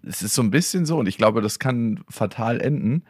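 A man's voice: medium pitch, animated, a little fast, a little mellow, breathy edge, no echo, studio quality. A man talking as a father in a casual podcast chat, reflective and questioning.

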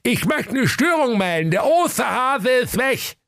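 Man doing a flustered mayor: stammering, pitched up. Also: sing-song, unhurried, a bit bright, full character voice. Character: flustered, bumbling small-town mayor.

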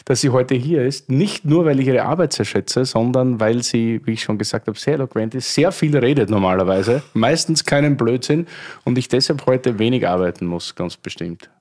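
A man's voice: mid-range voice, animated, moderate pace, darkish tone. A man hosting a wine podcast, chatting casually and heaping praise on his guest. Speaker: podcast host. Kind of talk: casual chat.

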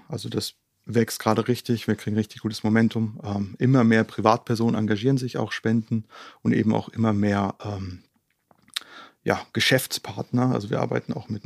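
A German man, co-founder of a conservation organisation, explains things in detail as an interview guest, often adding a short tag question to check in. His lowish voice is gravelly and a little mellow, captured in a dry, studio-quality recording.

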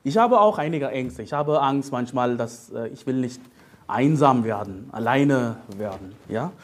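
Husky-voiced man preaching playfully. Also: mid-range voice, a little slow. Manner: playful, joking, animated sermon delivery with frequent "ja?". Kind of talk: sermon.

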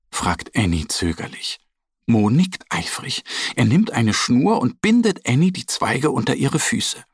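A man telling a bedtime story for children at an unhurried pace, his voice rising and falling with lots of life. The sound is breathy and soft, close and completely dry. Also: mid-range voice, dry recording. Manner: slow, lively, expressive reading.

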